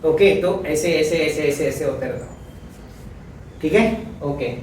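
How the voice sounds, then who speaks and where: Male teacher, chatty and joking, boomy echoing room, voice from a distance, faint hiss. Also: unhurried, darkish tone. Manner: chatty, joking, mixes Hindi and English. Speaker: physics teacher. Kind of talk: classroom lecture. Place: classroom. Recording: echoey classroom, mic far off.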